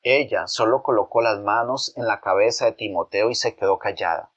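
A man's voice: fairly low pitch, moderate pace. Man telling a children's Bible story. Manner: addresses the children directly with questions. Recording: dull lo-fi recording.

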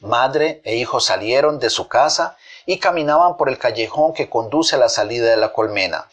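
A man's voice: mid-range voice, lively intonation, normal speed. A man narrating a children's fable with a mid-range voice. He tells it expressively, now and then asking his listeners questions directly. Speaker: storyteller.

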